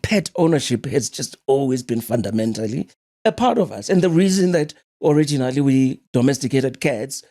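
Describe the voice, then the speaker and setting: South African man telling animated stories. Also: mid-range voice, moderate pace. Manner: animated storyteller with frequent laughter and restarts. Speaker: podcast co-host. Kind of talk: casual chat.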